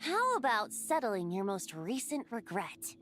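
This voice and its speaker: A woman's voice: mid-range voice, wildly swooping pitch, unhurried, a bit bright, soft background music. A woman voicing an impish, breezy boyish bard in a video game, in a light, playful, teasing manner. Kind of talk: video game character acting.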